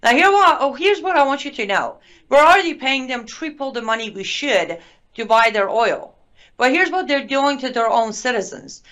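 A woman whose first language is not English talks as an interview guest, her voice sitting a little high. She drives her points home with emphatic indignation and drops in sarcastic asides. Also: animated, moderate pace, a bit bright. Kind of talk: political commentary interview.

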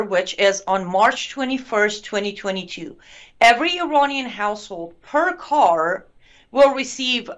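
A woman whose first language is not English talks as an interview guest, her voice sitting a little high. She drives her points home with emphatic indignation and drops in sarcastic asides. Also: fairly bright tone. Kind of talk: political commentary interview.

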